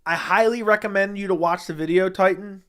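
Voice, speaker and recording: High-pitched, brisk and a bit bright, the man running this laid-back mixed martial arts livestream answers his chat with bluntness and firm opinions, repeating himself for emphasis.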